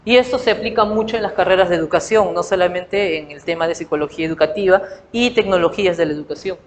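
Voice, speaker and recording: A woman's voice: on the low side, quick pace. A woman teacher lecturing on psychology. She speaks with a Peruvian Spanish accent and explains through rhetorical questions and acted everyday examples. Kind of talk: recorded lecture. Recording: reverberant room with faint noise.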